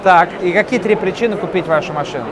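A man with a high voice talks fast as he interviews trade expo exhibitors for his video blog. The crowded indoor hall fills the background with loud crowd noise, and he chats loosely, jokes around, and hesitates with fillers.

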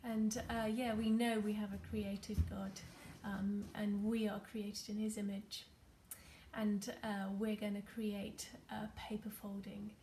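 A woman leading a gentle guided meditation while folding paper, talking softly with many fillers and often dropping to a near whisper. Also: medium pitch, flat delivery, a little slow, slight background noise. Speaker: meditation leader. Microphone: computer or phone camera.

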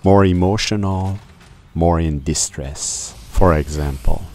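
A man giving live reaction commentary and critique over gameplay, pausing to analyze, then repeating words in bursts of mock outrage. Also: deep voice, a little mellow. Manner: deliberate, analytical critique with pauses. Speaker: video game reviewer.

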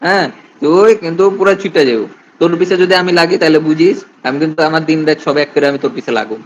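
A man's voice: on the high side, fast, dull audio, slight background noise. A young man, speaking on a live stream in a stern, blunt, warning manner.

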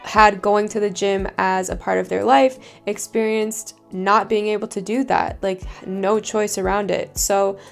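A woman in her twenties, a fitness vlogger, talking in an earnest, relaxed way with plenty of "like" fillers. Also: mid-range voice, unhurried, gravelly, few pauses, faint music behind. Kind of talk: casual advice vlog. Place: bedroom, home studio and parked car.

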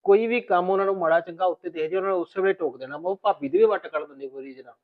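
Man, very fast speech, placating son, mid pitch, lo-fi sound. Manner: soothing, placating. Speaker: son in a family drama. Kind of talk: amateur family drama acting. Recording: dull lo-fi recording.

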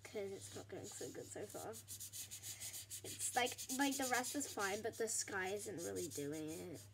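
A woman's voice: a little high, a little hiss or hum. A young woman chatting to herself in a rambling, giggly way as she works on a pastel drawing for her vlog. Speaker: vlogger. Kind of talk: chatty art vlog narration.

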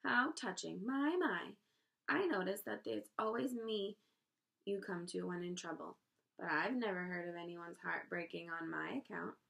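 A woman's voice: on the low side, a little slow, creaky, fairly bright tone. A woman reading aloud, voicing a lazy, selfish male rat who talks in a sarcastic, mocking drawl.

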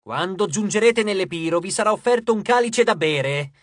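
Narrator putting on a booming boastful harvest god. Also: lively intonation, moderate pace, no echo, clean studio sound, close to an everyday voice. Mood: impatient. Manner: grandiose, declaiming, loud. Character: boastful male harvest god, theatrical and impatient. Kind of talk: audiobook character voice.

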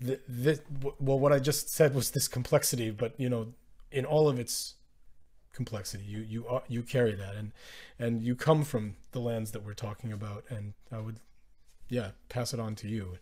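Guy in his 30s on a headset, warm mellow voice, trips over his words. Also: mid-range voice, fairly even intonation, normal speed. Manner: stumbling, searching for words. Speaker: musician and panel host. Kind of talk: online panel talk. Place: room at home.

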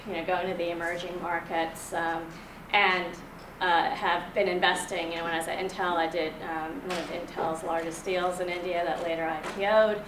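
A woman from Kenya in her forties, presenting to a room in a somewhat low, conversational voice full of ums and restarts. She is recorded from a distance, with an echoey room and clear background hum. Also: level tone, moderate pace, few pauses. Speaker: venture investor giving a talk. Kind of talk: conference presentation. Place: meeting room in front of a projector screen. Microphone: room mic from a distant camera. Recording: echoey room, far from the mic, audible room noise.

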